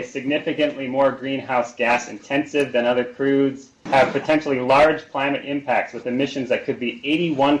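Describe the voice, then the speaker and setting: A man's voice: medium pitch, slight background noise. Man arguing in court, echoey recording. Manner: measured, methodical, enumerating points. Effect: played-back recording of a court hearing. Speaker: defense lawyer. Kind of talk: formal courtroom oral argument. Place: appeals courtroom.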